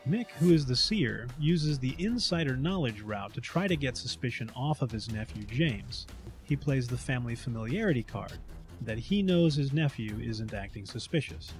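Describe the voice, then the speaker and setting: A man's voice: medium pitch, animated, moderate pace, soft background music. A man giving scripted narration as he recaps a party game.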